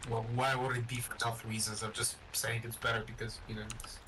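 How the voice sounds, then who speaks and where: A young man chatting casually with his gaming friend, teasing him in slangy, halting speech. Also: medium pitch, little pitch movement, background noise. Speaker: friend of the host.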